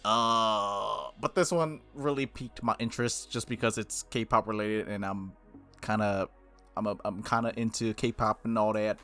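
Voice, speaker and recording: Over soft background music, a man with a fairly low, steady voice speaks unhurriedly in a bright, forceful tone. Hosting a gaming video, he mixes casual let's play chatter with reading aloud, exclaiming playfully and interrupting himself mid-thought.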